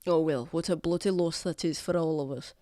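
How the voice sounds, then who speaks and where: A man playing a weary, blunt orc veteran in a tabletop game, gruff and sardonic. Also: fairly high pitch, fairly even intonation, brisk, dark tone, no room sound, studio quality, close to an everyday voice. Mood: mocking. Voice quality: gruff, sardonic, swears casually. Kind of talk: tabletop role-play in character.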